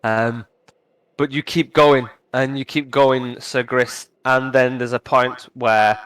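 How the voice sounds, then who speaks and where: Guy running a tabletop game, smooth clear voice, lots of ums and restarts. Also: mid-range voice, fairly even intonation, a bit bright, rough recording. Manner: halting, many fillers and restarts. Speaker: game master.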